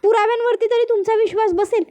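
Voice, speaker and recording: A woman's voice: very high voice, steady tone, fast talker, warm tone, voice pushed up. A woman voicing a young married woman, a blunt and insistent sister-in-law, in an earnest, pleading reading voice.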